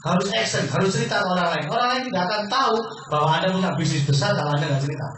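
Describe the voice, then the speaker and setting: A man giving a persuasive business sales pitch to a seminar audience, asking questions and answering them himself. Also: rapid-fire, fairly bright tone. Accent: Indonesian. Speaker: business presenter. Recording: echoey room from far off, faint noise.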